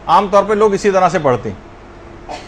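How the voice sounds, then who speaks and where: A man with a fairly high voice teaches correct Quran recitation in an unhurried lesson. He moves between plain explanation and slow, drawn-out chanting of verses as worked examples. Faint background noise sits under the voice. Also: very animated.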